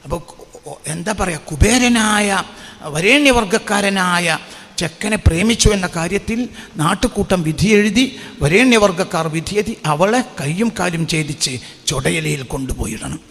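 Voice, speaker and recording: A man's voice: sits high, lively intonation, a little slow, gravelly, fairly bright tone, long reverb tail. A male preacher, giving a sermon. He puts questions to the listeners, repeats phrases for emphasis and recites Arabic lines. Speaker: Islamic preacher. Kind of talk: sermon with call-and-response questions.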